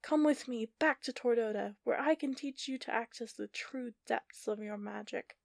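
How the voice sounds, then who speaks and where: A woman's voice: high voice, animated, a little slow, darkish tone, dry recording, studio quality, voice pushed up. A woman putting on a taunting witch's voice. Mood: coaxing. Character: scheming seductive female witch.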